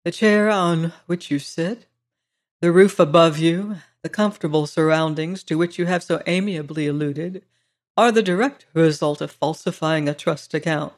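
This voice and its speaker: A man reading the part of a genial, suave blind gentleman in an audiobook, speaking quietly and thoughtfully with a slightly higher voice. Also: moderate pace, natural voice.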